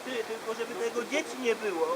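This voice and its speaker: A comedian's extremely high falsetto voices a foul-mouthed woman trading gossip on the phone, rambling through fillers and puns in a live bachelor-party monologue. He speaks fairly quickly against a noisy background.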